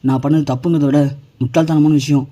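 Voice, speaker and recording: A man's voice: a little high, fairly even intonation, quick pace, mellow, lo-fi sound, natural voice. A man reading the lines of a young woman begging and apologising, in his own plain voice. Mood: pleading. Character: pleading grieving young mother figure.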